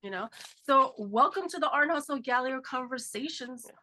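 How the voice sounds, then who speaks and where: On poor-quality audio, a forties-aged woman hosts a podcast in a high, lively, brisk voice that sounds pushed and bright. Nasal from a cold, she keeps the chat casual and packed with fillers such as "like" and "um."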